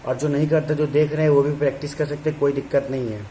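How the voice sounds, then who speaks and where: Guy teacher, kinda high voice, casual chatty lesson talk, teases his students a bit. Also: level tone, quick pace, mellow, a little hiss or hum, poor audio. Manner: chatty, teasing, scolds students fondly. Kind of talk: online class talk.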